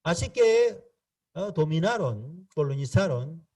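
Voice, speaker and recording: Slow, deep-toned pastor speaking Spanish. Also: male voice, sing-song, warm tone, recorded from a distance. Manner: halting, repetitive non-native Spanish with frequent tag questions. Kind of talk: Bible seminar teaching.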